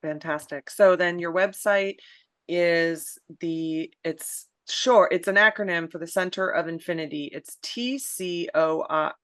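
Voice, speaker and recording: Woman, from the United States, interview host, deep voice, dry sound, friendly. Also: unhurried, a bit bright, no echo. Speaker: podcast host. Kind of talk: casual interview.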